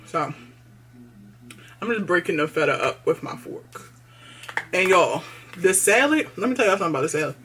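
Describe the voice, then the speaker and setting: A woman's voice: on the low side, animated, normal speed, pauses often, fairly bright tone, a little hiss or hum. A young woman with a Baltimore accent chatting casually to her vlog camera, often talking with her mouth full. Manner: chatty, talks while eating. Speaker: vlogger.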